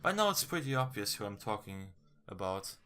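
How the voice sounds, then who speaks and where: A man's voice: on the low side, sing-song, brisk, sharp tone, clean tone, soft background music. A man doing a let's play, reading game dialogue aloud and adding blunt, sarcastic casual asides. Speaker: gamer playing and commenting on a visual novel.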